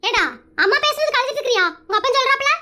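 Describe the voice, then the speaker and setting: A woman's voice: very high voice, very fast, pushed and bright, exaggerated voice. A woman voicing a strict, bossy village mother and wife in a cartoon comedy, scolding in a rural Tamil Nadu accent. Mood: stern.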